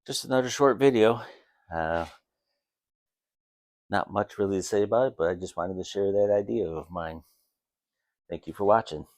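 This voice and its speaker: A man with a low voice talks casually in his garage workshop. He explains things in a plain, informal way as he works, and the sound is dry with little room echo. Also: normal speed, pauses often, darkish tone. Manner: plainspoken, informal, talking while working. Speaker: DIY video host.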